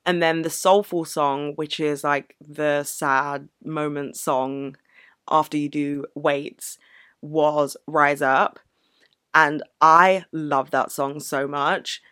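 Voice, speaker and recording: A woman's voice: sits low, steady tone, slow pace, fairly bright tone, clear, resonant tone, no room sound, studio quality. A woman vlogger telling a personal story in a candid, earnest, casual way. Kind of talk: casual reflective Q&A vlog.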